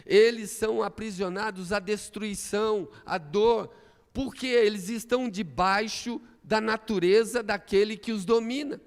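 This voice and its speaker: High, gravelly-voiced male preacher, emphatic and rising to shouts, in an echoey church. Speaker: pastor. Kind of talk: sermon.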